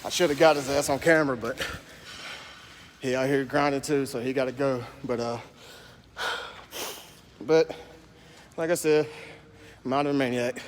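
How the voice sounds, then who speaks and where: A man's voice: medium pitch, steady tone, in a large hall, a little hiss or hum. A man with a country accent, a slight S lisp and slurred speech, talking in a rambling, profane way as he vlogs from a gym. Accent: Southern US country. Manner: profane, rambling, deliberately slowed. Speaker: fitness vlogger. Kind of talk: casual vlog monologue.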